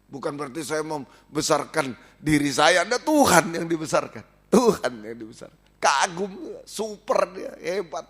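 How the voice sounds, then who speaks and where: A man's voice: fairly high pitch, lively intonation, moderate pace, few pauses, a bit bright, slightly rough. A man preaching as pastor, repeating his points and mixing exhortation with playful asides. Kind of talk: sermon. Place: church.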